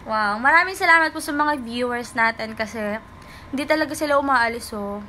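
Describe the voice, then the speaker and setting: A woman's voice: on the high side, bright, forceful tone, a little hiss or hum, poor audio. A young woman from the Philippines chatting politely on a livestream, answering fans and reading out their comments. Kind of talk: casual livestream chat.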